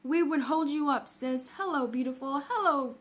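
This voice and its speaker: A woman from Zambia with a high-pitched voice talks at a moderate pace, having just woken up. Hosting a livestream, she chats casually with viewers, greeting them by name and laughing often.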